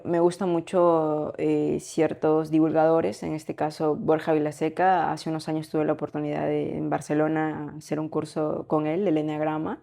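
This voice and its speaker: Young woman cohost, lowish voice, thinks out loud, lots of "eh" and tag questions. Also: creaky. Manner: reflective, thinking aloud with hesitations and tag questions. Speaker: podcast co-host. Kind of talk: casual chat.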